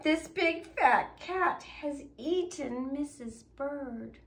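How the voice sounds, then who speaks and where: A woman's voice: high-pitched, lively intonation, drawn-out words, vocal fry, full character voice. Woman doing a tearful worried Mister Bird. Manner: anxious, tearful.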